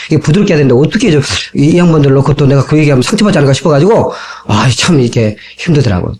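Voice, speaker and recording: A man preaching a sermon as a pastor, talking animatedly and acting out the people in his stories, from an old cassette tape. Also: mid-range voice. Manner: animated, acts out quoted voices.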